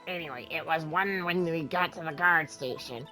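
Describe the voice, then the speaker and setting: A man's voice: a little high, moderate pace, pushed and bright, faint music behind, rough recording. A man voicing a chatty, cranky old woman security guard in a playful video game dub. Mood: gossipy.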